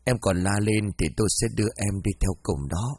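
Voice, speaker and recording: A man's voice: lowish voice, brisk, darkish tone, no echo, studio quality, close to an everyday voice. A man voicing the arrogant, threatening ghost of a dead young master in a storybook reading. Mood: menacing.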